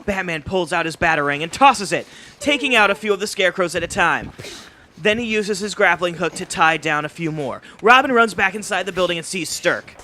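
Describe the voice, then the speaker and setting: Bright-voiced man reading stage directions. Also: high voice, expressive, a little hiss or hum. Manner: brisk reading with small slips and restarts. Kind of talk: live script read-through.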